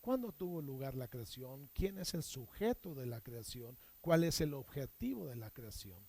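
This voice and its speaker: A man's voice: mid-range voice, animated, normal speed, dark tone, no echo. A man teaching a Bible class, asking questions and answering them himself and having the class repeat words after him.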